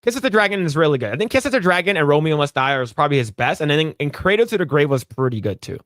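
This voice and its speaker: A man's voice: fairly high pitch, rapid-fire, no room sound, studio quality. A man hosting a casual solo livestream, swearing freely as he riffs on movies and answers his chat. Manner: animated, profane, riffing on movies and answering chat. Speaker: livestream host.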